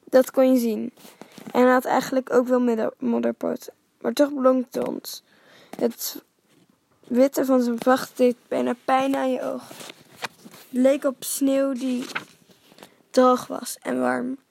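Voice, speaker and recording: A woman reads a children's book aloud in a calm, steady way, sometimes sinking to a near whisper. Her voice is fairly high but flat, with a gravelly edge, and the sound is close and dry. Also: a little slow, long pauses, dry recording. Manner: calm and steady, dropping to a near whisper at times, with small reading slips. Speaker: storyteller. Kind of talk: reading a children's story aloud.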